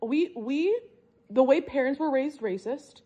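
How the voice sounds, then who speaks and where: A woman's voice: high-pitched, lively intonation, measured pace, dark tone, dull audio. A woman in a heated family argument, speaking emphatically and insistently, often repeating herself. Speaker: daughter confronting her family.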